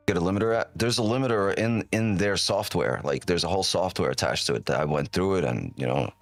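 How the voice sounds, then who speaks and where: A man with a deep whiskey voice giving casual live-stream commentary, thinking aloud and often checking in with "right?", on a close microphone. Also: fast talker, no room sound, soft background music. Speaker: live trading streamer, host.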